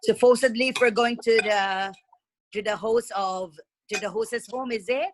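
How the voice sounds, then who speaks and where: Trainee woman from Singapore on a video call, slightly high voice, brief hesitant replies. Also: steady tone, moderate pace, noisy background.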